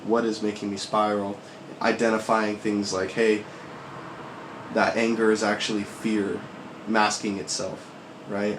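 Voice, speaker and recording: Low-voiced man recounting dreams, roomy echo. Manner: rambling, profane, reflective dream recounting. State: voice worn out from recovering from sickness. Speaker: vlogger. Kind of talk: casual dream-journal vlog, recounting dreams. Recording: roomy echo, faint background noise.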